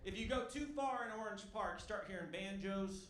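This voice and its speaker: A male stand-up comedian with a high voice works the crowd at a moderate pace, delivering a punchy, wry set into a handheld mic from a club stage. The room is echoey and the crowd noise is loud.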